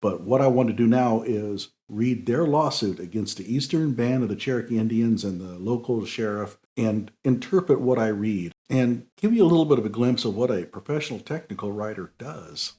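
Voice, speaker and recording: A man's voice: medium pitch, animated, moderate pace, few pauses, dark tone. A man hosting his own show, critiquing a legal document in an explanatory, opinionated way with frequent fillers. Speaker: show host and technical writing consultant. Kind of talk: casual commentary critiquing a document.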